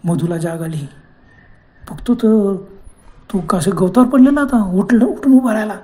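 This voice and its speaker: A woman narrates a horror tale, building suspense with a dramatic delivery. Her voice has a mellow, dark tone at a middle pitch. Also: normal speed. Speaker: storyteller.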